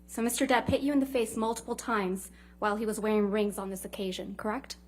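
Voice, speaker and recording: A woman's voice: mid-range voice, steady tone, fast. Pointed woman lawyer in cross examination. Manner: pointed, clipped leading questions ending in tag questions. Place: courtroom.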